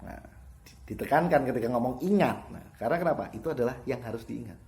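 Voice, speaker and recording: A man's voice: mid-range voice, quick pace, gravelly, darkish tone. A man teaching students in an online lesson, explaining each point and repeating the key terms.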